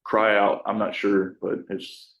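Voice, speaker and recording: A man answering as a defendant in court, hesitant and soft-spoken, with many restarts. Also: fairly low pitch, little pitch movement, slow pace, highs cut off. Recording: echoey courtroom, voice far from the mic.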